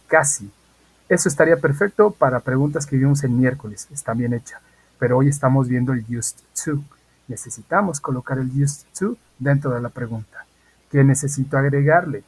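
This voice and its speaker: Husky-voiced man teaching an online English class. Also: medium pitch, a little mellow, poor audio. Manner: patient, repeats key points and checks in with "¿ok?".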